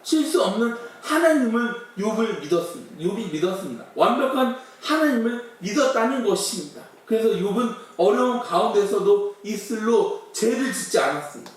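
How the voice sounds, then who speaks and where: A man's voice: high-pitched, very animated, a little fast, few pauses. A man preaching a sermon who asks many rhetorical questions and acts out quoted complaints. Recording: very echoey hall from far off.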